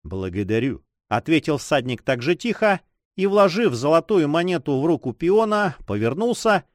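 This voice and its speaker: A man narrating an adventure novel aloud with expressive storytelling. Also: a little high, normal speed, dry recording, studio quality. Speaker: audiobook reader. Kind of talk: scripted narration.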